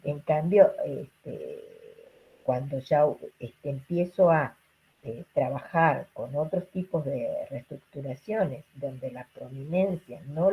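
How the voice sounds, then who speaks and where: A woman's voice: deep voice, slightly rough, lo-fi sound. A woman giving an online lecture to students over a video call. She keeps checking in with her listeners through rhetorical questions and fillers. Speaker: linguistics lecturer.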